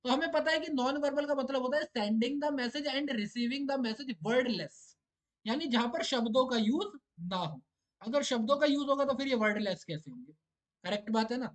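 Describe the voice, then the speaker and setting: A man's voice: extremely high pitch, moderate pace. A young man teaching an exam-prep lesson, explaining step by step and often checking that listeners follow. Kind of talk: lecture mixing Hindi and English.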